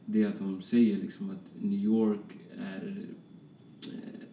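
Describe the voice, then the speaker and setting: A Colombian fashion designer chats casually as an interview guest, rambling with many fillers and frequent restarts. His low, dark, gravelly voice has a flat delivery and sounds distant in an echoey room, with slight background noise.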